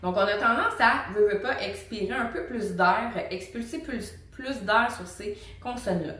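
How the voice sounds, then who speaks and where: A woman, a singing teacher and vocal coach, explaining technique to the viewer in a lively, casual way and demonstrating the sounds herself. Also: mid-range voice, moderate pace. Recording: very echoey room, mic at a distance.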